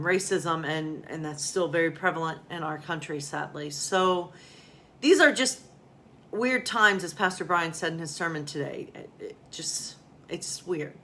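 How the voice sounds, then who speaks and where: A woman pastor with a low, slightly bright voice chats informally and a bit ramblingly with her listeners as friends. She also reads children's bedtime stories, with slight background noise.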